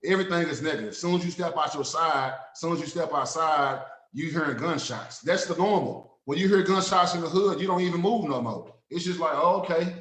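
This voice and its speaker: Man, 30s, Dallas accent, streetwise, earnest, higher voice, echoey room. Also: a little fast, few pauses, fairly bright tone. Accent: Southern US, Dallas. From Dallas, Texas. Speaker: author guest. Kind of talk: casual interview talk. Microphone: video call.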